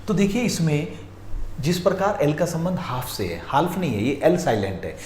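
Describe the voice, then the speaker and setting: Guy teaching exam reasoning, mellow voice that swings up and down a lot, echoey room. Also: fairly high pitch, big pitch swings. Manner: repeatedly urges viewers to pause and look carefully. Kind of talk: explaining practice questions. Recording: echoey room, faint noise.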